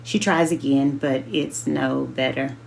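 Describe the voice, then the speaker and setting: A woman reading a children's book aloud as a book club host, slowly and carefully sounding out names. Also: a bass voice, fairly even intonation, creaky, a little hiss or hum.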